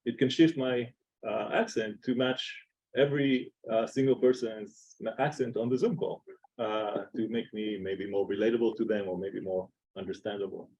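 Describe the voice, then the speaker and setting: A man with an Israeli accent giving an academic seminar talk in a lecture room, pausing often with "uh". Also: fairly low pitch, steady tone, darkish tone, slightly rough, lo-fi sound. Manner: halting, many filler "uh"s. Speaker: seminar speaker.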